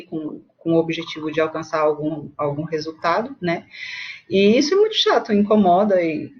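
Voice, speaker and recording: A woman's voice: fairly low pitch, a little mellow, muffled recording. A woman with a Brazilian Portuguese accent teaching a book study in a casual, conversational way, often checking in with tag questions and acting out examples. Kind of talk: casual spoken lesson.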